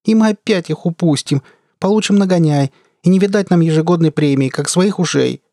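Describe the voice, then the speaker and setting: A man's voice: very animated, fairly quick, warm tone, no room sound, studio quality. A man voicing a hot-tempered young female starship pilot who talks in an exasperated, whiny way, in an audiobook reading. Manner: exasperated, whiny, high-strung. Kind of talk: audiobook character voice.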